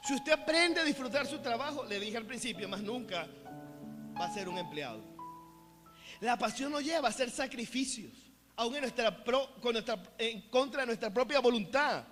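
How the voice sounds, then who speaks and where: A man with a Venezuelan accent preaching a sermon as a pastor. He is energetic and joking, and often calls out to the congregation to keep them engaged. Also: very high voice. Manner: playful, mixes jokes into preaching. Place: church hall. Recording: echoey hall with faint music behind.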